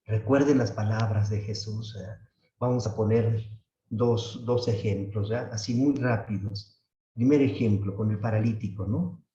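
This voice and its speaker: Priest preaching, far off the mic in a big echoey church, kinda muffled. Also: male voice, dark tone. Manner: peppers phrases with tag questions, acts out complaints in a high voice. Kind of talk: sermon. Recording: echoey dull church sound from a distance.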